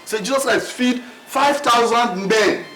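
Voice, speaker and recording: A man's voice: very high voice, a little slow, sharp tone, heavily acted. A male actor with a Nigerian accent playing a boastful, argumentative servant, emphatic and repetitive, in a film drama.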